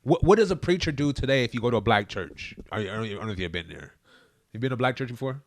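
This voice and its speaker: A man's voice: medium pitch, lively intonation, very fast, no echo. Preachy, emphatic man on a podcast. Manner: preachy and emphatic, urges listeners to look things up. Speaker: podcast co-host. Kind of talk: casual podcast chat.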